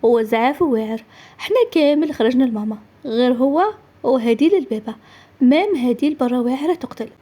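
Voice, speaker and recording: A young woman narrating her own story in a lively, conversational way. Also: high-pitched, fast. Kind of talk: first-person story narration.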